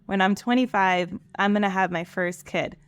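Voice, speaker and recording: A woman's voice: mid-range voice, moderate pace, clean tone. A woman in her late twenties, an admissions counselor giving upbeat, chatty advice on a panel. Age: 20s.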